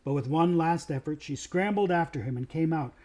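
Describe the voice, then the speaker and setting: A pastor reading a children's novel aloud, expressive and doing voices for the characters. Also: male voice, on the high side, fairly quick.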